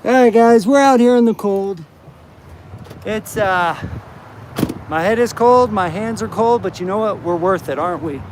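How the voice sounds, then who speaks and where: A man's voice: sits high, moderate pace, long pauses. A man hosting a casual live stream, talking to his chat in an upbeat way while walking outdoors with a handheld phone. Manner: upbeat, talks straight to chat. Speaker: livestream host. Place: outdoors at a truck stop parking lot. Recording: phone audio with loud outdoor noise. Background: vehicle and outdoor noise.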